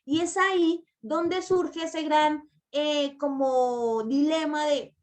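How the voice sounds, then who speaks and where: Woman, high voice, patient emphatic teacher speaking straight to parents. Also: steady tone. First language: Spanish. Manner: explains slowly, stresses words, addresses mothers directly. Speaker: early-childhood language teacher. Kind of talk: online masterclass lecture.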